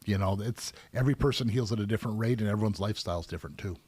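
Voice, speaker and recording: A man's voice: lowish voice, very fast, a little mellow, breathy edge, no echo. A middle-aged man hosting a live question-and-answer stream as a professional piercer, explaining casually at length with plenty of fillers. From United States.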